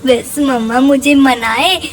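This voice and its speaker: Mom voicing a cheeky baby boy for a vlog: very high, slow, cutesy baby talk. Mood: playful. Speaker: parent vlogger voicing her baby.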